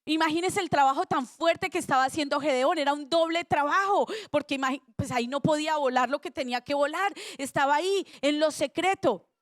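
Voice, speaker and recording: High-voiced woman preaching a sermon. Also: fairly quick, hardly any pauses, dry recording, studio quality. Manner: storytelling with humor and rhetorical questions. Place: church.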